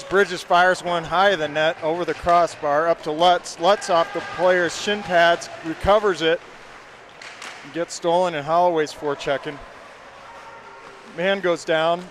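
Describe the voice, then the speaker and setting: Guy calling hockey play by play, fast, kinda high voice, light background hum. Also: a bit bright. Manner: rapid play-by-play, names each pass. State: hiccups. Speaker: play-by-play commentator.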